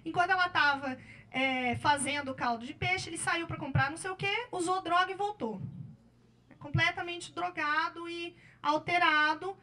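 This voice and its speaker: A Brazilian Portuguese-speaking woman, a public defender, giving a workshop lecture with slides and telling cases in a lively way, often ending with "né?". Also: extremely high pitch, normal speed. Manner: lively storytelling with frequent "né?" tag questions.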